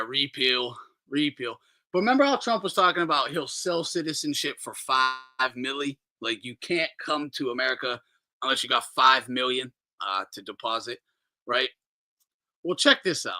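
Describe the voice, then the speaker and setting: Bright-voiced man ranting and swearing. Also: mid-range voice. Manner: laughs often, swears freely. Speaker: boxing talk show host. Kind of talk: casual profane rant.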